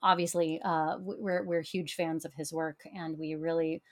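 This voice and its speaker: A woman's voice: deep voice, flat delivery, moderate pace. A woman speaking as an interview guest, explaining conversationally and often repeating words as she goes. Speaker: podcast guest, author and tour guide.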